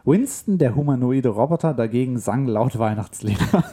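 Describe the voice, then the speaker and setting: Ein Mann als Podcast-Gastgeber, der amüsiert und trocken eine Geschichte vorliest. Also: male voice, mid-range voice, animated, normal speed, dark tone. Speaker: podcast host reading a story aloud. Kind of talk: reading aloud with banter.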